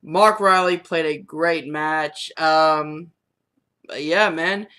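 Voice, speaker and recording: A man hosting, wrapping up the show in a hyped, relaxed way. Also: fairly high pitch, slow pace, smooth. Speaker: host. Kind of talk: show sign-off.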